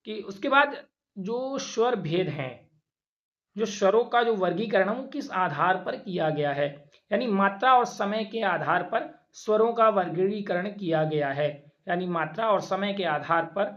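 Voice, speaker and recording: Exam-prep teacher, rhetorical questions answered aloud, drawn-out vowel demos, medium pitch, muffled lo-fi recording. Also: fairly bright tone. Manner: keeps asking rhetorical questions and answering them; drawn-out, repeated vowel demonstrations. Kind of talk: exam-prep classroom lecture.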